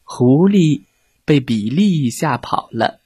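A narrator telling a children's story in a lively, expressive way. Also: medium pitch, slow pace, breathy edge, no room sound, studio quality.

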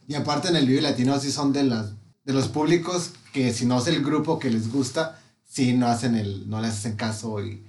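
A man with a Mexican Spanish accent hosts a casual music chat in a medium-pitched voice at normal speed. He is relaxed, asking questions and reminiscing, and the room sounds echoey.

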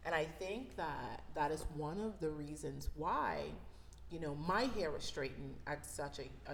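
Low-voiced reflective woman host. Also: creaky, slight background noise. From Bahamas. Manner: reflective, conversational, with fillers and laughs. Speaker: podcast host. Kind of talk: personal storytelling monologue.

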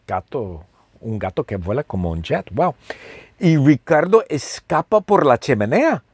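A man telling a simple story slowly and playfully, repeating phrases and asking the listener questions. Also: medium pitch, big pitch swings, darkish tone, husky, no echo. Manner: playful, with sound effects. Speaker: storyteller for language learners. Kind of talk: slow, simple storytelling with lots of repetition.

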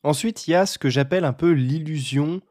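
A young French man giving a casual talk to camera about learning languages, often pausing on fillers and restarting his sentences. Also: a little high, a little mellow, no room sound, studio quality. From France. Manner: hesitant, many fillers and restarts.

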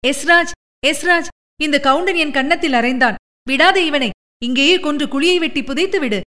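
A woman voicing a frightened young woman who cries out in a shrill, frantic voice. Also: moderate pace, sharp tone.

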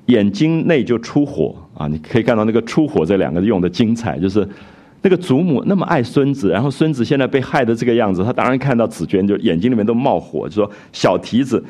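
A man's voice: medium pitch, sing-song, fast talker, darkish tone. A man giving a storytelling lecture on a classic novel, retelling its scenes and musing aloud about them.

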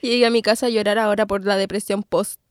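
A woman's voice: medium pitch, level tone, fast talker, clean tone, dry recording, clean studio sound. A woman with a Chilean accent, co-hosting a podcast, telling a story in casual chat full of slang and laughter. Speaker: podcast co-host.

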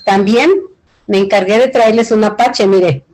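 A woman's voice: mid-range voice, measured pace, darkish tone. A middle-aged or older woman with a Mexican accent giving an informal cultural presentation in an earnest, rambling, colloquial way. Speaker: invited community leader.

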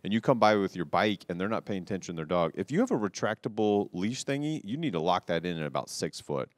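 Deep-voiced man telling a story, dry sound. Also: fast talker, no room sound. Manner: animated, rambling, restarts, quotes people loudly. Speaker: podcast co-host telling a cycling story. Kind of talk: casual storytelling chat.

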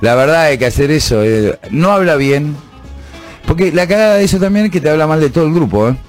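A man's voice: a little high, expressive, fast talker, faint music behind. A man with a Rioplatense accent hosting late-night radio, opinionated and emphatic, repeating his points. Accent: Rioplatense Spanish. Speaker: radio host. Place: radio studio.

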